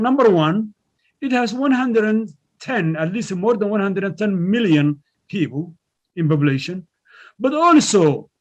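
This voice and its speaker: High-voiced professor. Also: male voice. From Somalia. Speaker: guest economics professor. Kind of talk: formal interview answers.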